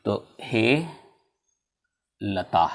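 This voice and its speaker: A man teaching Sanskrit grammar in a video lesson, slowly reciting word forms and often stopping to check that viewers follow. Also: lowish voice, lively intonation. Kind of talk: classroom-style video lesson.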